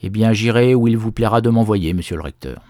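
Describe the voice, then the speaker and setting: A man voicing a desperate, excitable peasant farmer who exclaims and pleads in a raised voice. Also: mid-range voice, fairly quick, dry recording, studio quality, voice pushed up, lightly acted. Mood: uneasy.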